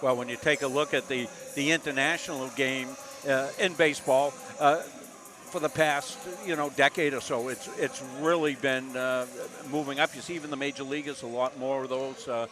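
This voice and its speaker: A man in his sixties from Massachusetts, calling a college basketball game courtside in a folksy, rambling way with lots of filler words. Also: a little high. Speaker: play-by-play announcer. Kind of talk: live basketball commentary. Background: music.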